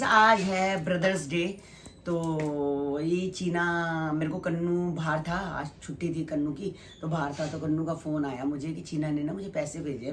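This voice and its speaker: A woman's voice: sits low, slight background noise. A middle-aged woman and mother chatting casually to her viewers while cooking in her home kitchen, rambling from one thing to the next. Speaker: family vlogger and mother. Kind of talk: casual cooking vlog chat.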